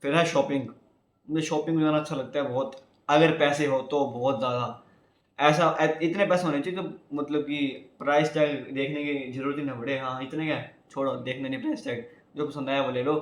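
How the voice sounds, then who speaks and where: A man's voice: on the high side, fairly even intonation, fairly quick, reverberant. A young man from India talking casually to his viewers, rambling and chatty, often calling them guys. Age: young adult. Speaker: YouTuber. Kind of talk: casual vlog talk.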